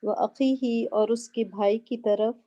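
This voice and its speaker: A woman student reading verses aloud haltingly and translating them word by word. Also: on the high side, steady tone, mellow, muffled recording.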